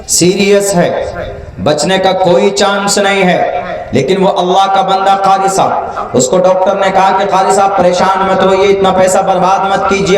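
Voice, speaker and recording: Indian Urdu preacher, echoing from afar. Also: male voice, sits high. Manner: storytelling, spells out letters slowly for teaching. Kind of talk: religious sermon. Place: large hall at a gathering. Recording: echoey, from far off.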